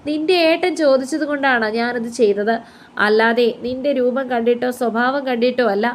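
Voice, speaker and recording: A woman's voice: fairly high pitch, normal speed, a little hiss or hum, natural voice. A woman reading the lines of a cold, bitter young husband who speaks harshly and curtly. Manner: harsh, curt.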